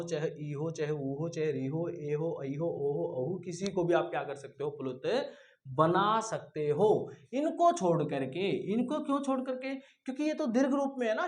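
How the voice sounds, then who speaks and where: A man teaching a lesson who explains step by step, asks questions and answers them himself, and stretches sounds slowly to show how they are said. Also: sits high, expressive. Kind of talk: classroom lesson.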